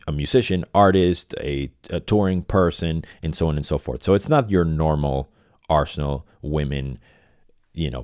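A man's voice: extremely low pitch, darkish tone, no echo, studio quality. A middle-aged man from Venezuela hosting his own podcast, talking loosely and correcting himself as he goes. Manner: rambling, self-correcting, repeats phrases. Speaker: podcast host. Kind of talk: casual solo podcast monologue.

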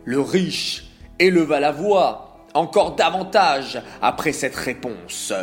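A man narrating a religious story in a measured, expressive reading voice. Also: on the high side. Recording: faint music behind.

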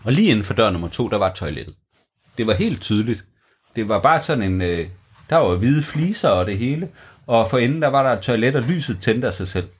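A man improvising a bedtime story for a child, playful and halting. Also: medium pitch, very animated, slightly rough.

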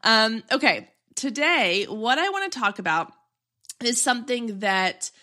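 A woman's voice: on the high side, very animated, bright, forceful tone. Congested, chatty woman podcast host. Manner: chatty, quick run-on asides with many "like"s. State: congested, nasal from allergies. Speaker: podcast host and business coach. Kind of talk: casual solo podcast talk.

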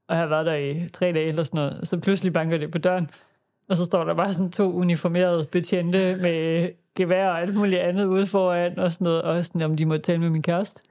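A woman's voice: lowish voice, little pitch movement, warm tone. A Danish-accented woman co-hosting a podcast, chatting casually and telling anecdotes with acted-out quotes. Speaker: podcast co-host.

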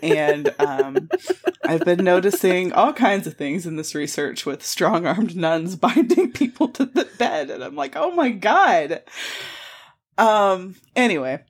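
A woman's voice: low-pitched, expressive, moderate pace, a little mellow. A woman co-hosting a podcast in casual chat, telling stories animatedly with frequent laughs and swearing. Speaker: podcast co-host.

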